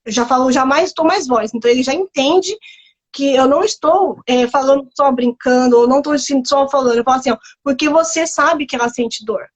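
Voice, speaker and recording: A woman's voice: high-pitched, a little fast. A woman, a therapist guest, explains parenting at length in a casual interview, full of fillers and home examples.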